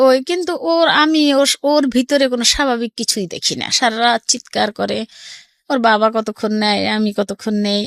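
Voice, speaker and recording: In an interview, a middle-aged woman with a Bangladeshi accent tells her personal story, animatedly acting out and quoting what people said. Her voice is medium-pitched, and the studio sound is clean with no echo.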